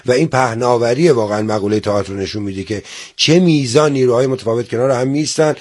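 A man in a studio interview who speaks in a polite, formal way. His pitch sits in the middle of the male range, and he tends to break off and restart his sentences. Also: a little mellow. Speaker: guest, theater organizer.

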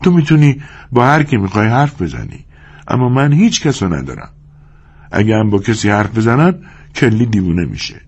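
A man's voice: sing-song, a little mellow, husky, highs cut off, heavily acted. A man reading a story aloud, putting on the voice of a lonely, restless young woman in a raised, pleading tone. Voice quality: higher, pleading voice.

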